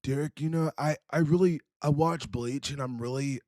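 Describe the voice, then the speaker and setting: A man's voice: a little high, a little mellow, no echo, clean studio sound, natural voice. A man putting on a mopey emo teenage boy. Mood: brooding. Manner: mopey, halting, full of "like". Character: moody emo teenage boy, brooding and self-pitying.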